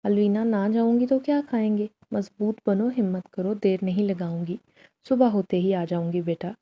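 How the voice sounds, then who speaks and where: A woman voicing a weary, secretive poor mother in a storybook tale, speaking in a soft, resigned, warning way. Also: medium pitch, fairly even intonation, lightly acted. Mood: pleading.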